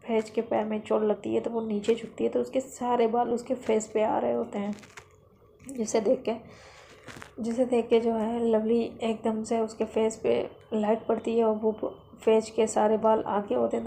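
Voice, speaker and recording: A woman narrating a romance story in a soft, low-key way, often correcting herself mid-sentence. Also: level tone, moderate pace, gravelly, a little hiss or hum.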